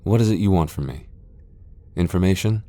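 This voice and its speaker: A man acts out a centuries-old vampire lord with a very deep voice for a fantasy ASMR audio roleplay, speaking a little fast in a mellow tone. He sounds haughty and sardonic, theatrically taunting the listener like a proud immortal who looks down on him.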